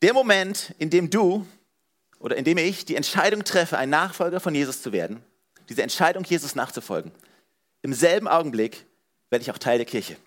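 Man, pastor, sermon, high-pitched, earnest, direct address. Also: animated, a little fast. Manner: earnest, direct address to the congregation with repeated "hey" and "ja".

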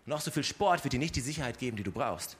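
A man's voice: medium pitch, expressive, rapid-fire, slightly rough. A man preaching a sermon in a conversational way, speaking straight to his listeners with rhetorical questions. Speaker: pastor.

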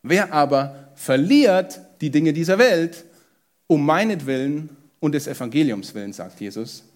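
A man with a German accent preaching a sermon, emphatic and lively, addressing the congregation with rhetorical questions. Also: fairly high pitch, a little slow. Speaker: pastor.

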